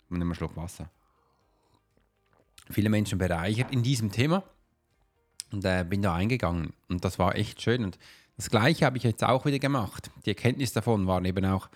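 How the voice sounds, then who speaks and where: A man hosts a solo podcast. He chats informally, speaking directly to one listener in an encouraging, coaching way. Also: lowish voice.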